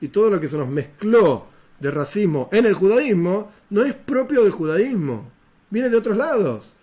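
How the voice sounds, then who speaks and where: A rabbi with an Argentine Spanish accent teaches in a loose, conversational way. He leans on repetition to drive points home. His voice sits a little high for a man. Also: sing-song, moderate pace, dark tone, slightly rough. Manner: conversational, emphatic, repeats for stress. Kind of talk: informal religious lesson.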